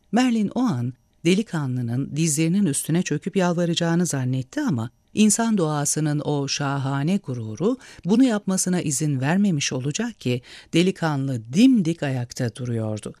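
A man reading a novel aloud in a measured, expressive narration. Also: on the high side, no echo, studio quality. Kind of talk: storybook narration.

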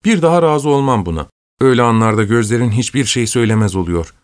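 A man's voice: mid-range voice, animated, quick pace, no room sound, clean studio sound, natural voice. A man voicing a playful young woman in love, tender and a little sulky, in a storybook reading. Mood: tender, teasing. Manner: teasing and tender, softly sulky.

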